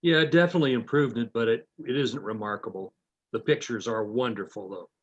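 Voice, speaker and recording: A man giving frank, plain-spoken feedback on a video call, his voice coming through with a low sample rate. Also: a little fast. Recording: dull low-fidelity video call audio, faint music.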